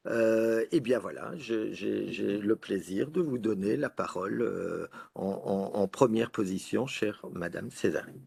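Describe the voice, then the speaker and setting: Guy moderating a panel, really slow, gravelly, lots of euhs. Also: lowish voice, a little mellow. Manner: unhurried, informal asides, many fillers.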